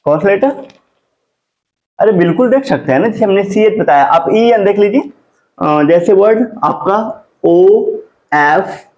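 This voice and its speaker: A man teaching a classroom grammar lesson. He asks his students questions and answers them himself, and he spells words out slowly. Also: sits high, lively intonation, darkish tone. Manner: drawn-out slow spelling of words. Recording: dull lo-fi classroom recording.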